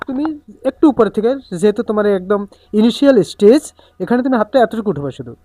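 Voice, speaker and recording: Female music teacher, patient coaching, chants drum syllables in rhythm, warm low tone. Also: sing-song, fast. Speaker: tabla teacher. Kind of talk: music lesson instruction.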